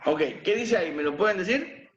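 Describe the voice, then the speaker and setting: A man's voice: high voice, expressive, fairly quick, fairly bright tone, roomy sound, dull audio. A man teaching a class, patiently spelling out sounds one at a time and quizzing his students. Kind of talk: explaining pronunciation to a class.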